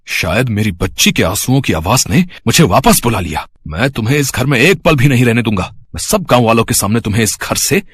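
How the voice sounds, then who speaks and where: A man's voice: mid-range voice, lively intonation, brisk, few pauses, husky. A man voicing a loving village father who speaks tenderly to his daughter. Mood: remorseful. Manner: warm toward his child, emotional. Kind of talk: animated storybook voice acting.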